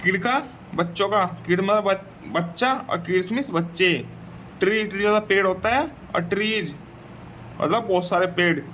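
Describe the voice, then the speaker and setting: A man with a Hindi accent teaching an English textbook lesson, repeating "theek hai" and reading English sentences slowly before translating them. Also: sits high, fairly bright tone, a little hiss or hum, poor audio. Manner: slow and repetitive, says "theek hai" often.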